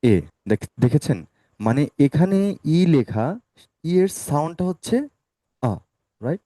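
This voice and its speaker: A male teacher leading an online spoken English class, saying words slowly and asking students to repeat them. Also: fairly high pitch, very animated, mellow, no echo.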